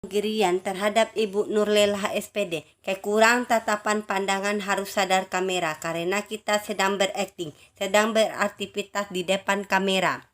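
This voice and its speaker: A woman reading out a judge's feedback one entrant at a time, each remark a short item in a steady, listed rhythm. She stays at a medium pitch and slips into small restarts now and then before going on. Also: normal speed. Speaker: announcer for a writing community's contest.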